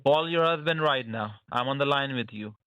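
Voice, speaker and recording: A man's voice: mid-range voice, moderate pace, pushed and bright, no echo. A man calling over a phone line with a bad connection that keeps dropping, pushing orders again and again in broken English. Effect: heard over a phone line with a bad connection that keeps dropping. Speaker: scam caller. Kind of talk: phone call.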